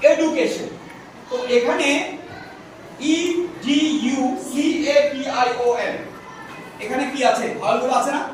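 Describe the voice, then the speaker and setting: A man with an extremely high voice teaches a class in call-and-response style, asking questions and having students repeat answers back. He speaks a little slowly with long pauses, recorded noisily on a distant mic in a large, echoey classroom.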